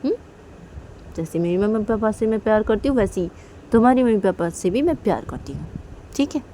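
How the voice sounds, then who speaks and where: Woman doing a soft-toned reassuring young woman, soothing, coaxing, warm and mellow. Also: medium pitch, expressive, fairly quick, slight background noise, natural voice. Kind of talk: storytelling with acted dialogue.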